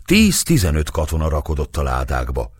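A man's voice: very deep voice, huge pitch swings, husky, no room sound, studio quality. A man narrating a novel as an audiobook reader, telling the story expressively.

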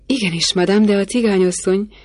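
A woman's voice: medium pitch, a little mellow, dry recording, studio quality, natural voice. A woman voicing a nervous, deferential male footman in an audiobook. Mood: reporting. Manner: deferential, apologetic.

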